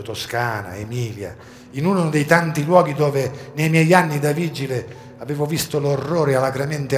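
A man performing a dramatic first-person monologue at a live outdoor show, moving between hushed low passages and urgent shouts. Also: slight background noise. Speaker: stage reader of a monologue. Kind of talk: theatrical first-person storytelling. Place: outdoor garden stage.

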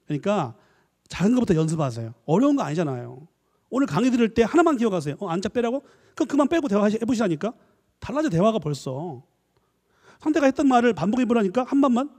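A man, a professor, giving a lively church lecture, acting out little dialogues and coaxing his listeners. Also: high-pitched, fast. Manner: animated, acts out dialogues, coaxing the audience. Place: church hall. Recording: long hall reverb.

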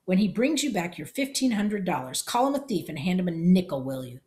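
A woman voicing a burly, angry shopkeeper who shouts and blusters. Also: fairly low pitch, sing-song, brisk. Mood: furious.

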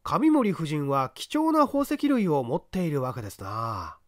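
A man voicing a brisk young newspaper reporter who talks curtly and impatiently on the phone. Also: fairly high pitch, big pitch swings, no room sound, clean studio sound. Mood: feigned courtesy. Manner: curt, impatient, then deliberately slow. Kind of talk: audiobook character voice.

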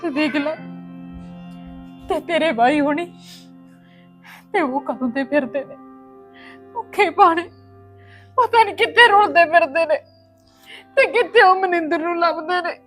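A woman playing a sobbing, high-voiced mother. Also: a little slow, pauses often, fairly bright tone, faint music behind. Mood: wailing. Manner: wailing, pleading laments. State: crying. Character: grief-stricken mother searching for her lost daughter. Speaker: mother of a missing daughter. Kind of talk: Punjabi family drama acting.

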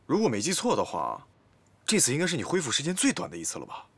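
Playful young man, wildly swooping pitch. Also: huge pitch swings, fast talker, creaky, husky, no room sound, heavily acted. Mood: curious. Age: 20s. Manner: theatrical, teasing. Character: playful, teasing young male office employee. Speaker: actor in a TV drama. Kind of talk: light comedic TV drama dialogue.

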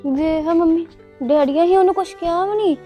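A woman playing a shrill, quarrelsome young sister-in-law. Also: moderate pace, warm tone, faint music behind. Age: young adult. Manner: quarrelsome, retorts sharply. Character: sharp-tongued, spoiled unmarried sister-in-law. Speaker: unmarried daughter of the house. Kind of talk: family web drama acting.

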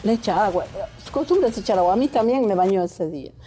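A woman's voice: medium pitch, animated, fast, dark tone, soft background music. A woman, a lawyer and neighbor appearing as a talk show guest, telling her account insistently and with frequent restarts. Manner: insistent, repetitive, with hesitant restarts.

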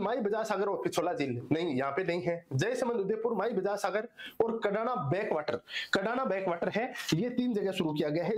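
A hoarse man teaching an exam-solution lecture, repeating answers and asking and answering his own questions. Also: sits high. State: hoarse, strained throat. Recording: echoey room.

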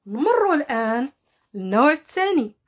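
A woman with a Moroccan accent teaching a French lesson, explaining quickly in Arabic and reading French examples slowly and deliberately. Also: sits high, very animated. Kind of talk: language lesson.

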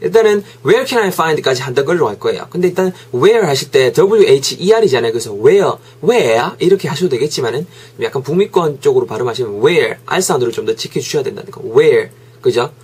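A man with a Gyeongsang accent teaches in a relaxed, joking way, repeating words over and over to drill pronunciation. His voice is slightly husky. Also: mid-range voice, brisk, few pauses. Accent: Gyeongsang Korean. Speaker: English teacher. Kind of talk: casual lecture. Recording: podcast lecture audio.

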